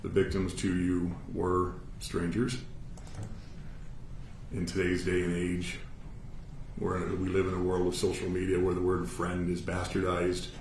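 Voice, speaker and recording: A man with an American accent speaking as a judge, giving a formal sentencing statement in a measured, matter-of-fact, authoritative way. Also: sits low, vocal fry, darkish tone. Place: courtroom. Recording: echoey room, distant mic, faint noise.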